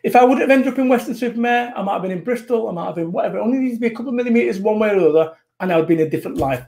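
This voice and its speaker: A man from England, a motivational business speaker, talking bluntly and forcefully as a guest on a live online show. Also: sits high, animated, very fast, creaky. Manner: blunt, punchy and forceful, acts out whiny quotes. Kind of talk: energetic motivational interview talk.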